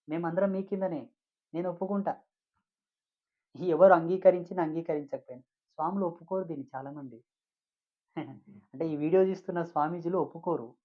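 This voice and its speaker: A man's voice: sits high, narrow, tinny audio. A man preaching a devotional sermon as a spiritual teacher, emphatic and repetitive, with frequent rhetorical questions.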